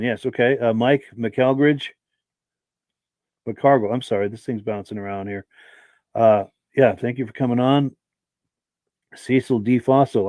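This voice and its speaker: On a dry recording, a man with a medium-pitched, slightly mellow voice hosts a live podcast. He goes through the live-stream chat, reading comments and thanking each viewer by name, while a dry throat leaves his voice failing.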